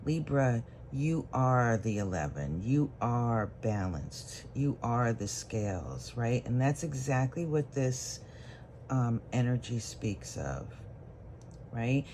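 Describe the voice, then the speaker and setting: An animated, slightly mellow mid-range voice guides a solo tarot reading aimed at the viewer. The reader muses aloud while drawing cards, never rushing, with slight background noise present.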